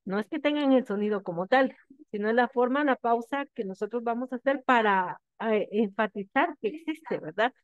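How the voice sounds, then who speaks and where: A woman's voice: on the high side, lively intonation, moderate pace, no room sound. Patient woman teacher on a tinny line. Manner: patient explaining, frequent checking questions. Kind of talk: classroom lecture. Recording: dry, tinny phone-like sound.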